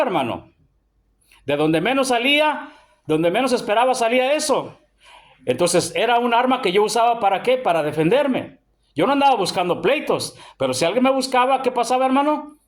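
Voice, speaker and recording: A middle-aged man with a Mexican accent teaching a sermon, who asks the congregation questions and tags his lines with "brother", and who slows right down to read verses. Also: very high-pitched. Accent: Mexican Spanish. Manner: call-and-response, tags lines with "hermano"; slow emphatic verse reading. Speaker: preacher.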